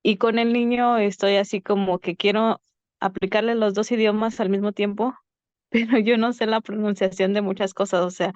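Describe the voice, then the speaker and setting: A mother chatting about her children, her voice smooth and clear. The audio is dull and lo-fi, dry and close. She talks in a casual, anecdotal way. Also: mid-range voice, steady tone, moderate pace, a little mellow, no echo. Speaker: parent participant. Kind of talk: casual storytelling.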